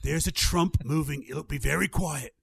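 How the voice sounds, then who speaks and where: A man voicing an alien guide who stalks humans, talking in a hushed, conspiratorial way. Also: a little high, moderate pace, gravelly, breathy edge, dry recording, full character voice.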